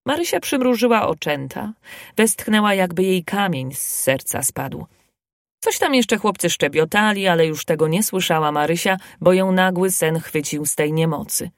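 A woman narrating a storybook in an expressive, melodic way. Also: lowish voice, moderate pace, no room sound, clean studio sound. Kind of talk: storybook reading.

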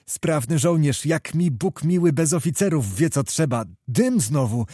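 A man voicing a small, fiery male knight who calls out battle news in an excited, breathless way. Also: a little high, measured pace, slightly rough, no room sound, clean studio sound.

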